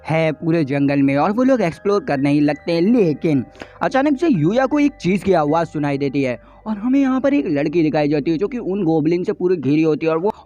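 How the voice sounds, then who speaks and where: A man's voice: a little high, animated, brisk, warm tone, highs cut off, soft background music. A man casually recapping an anime episode for viewers, chatty and joking, with asides to the audience. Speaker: anime explainer YouTuber.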